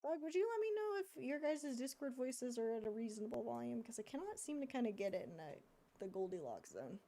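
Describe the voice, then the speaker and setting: Lively, chatty woman streamer. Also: on the high side, a little fast. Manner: chatty, reads viewer comments aloud and thinks out loud; laughs often. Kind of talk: casual live-stream chat while playing a card game.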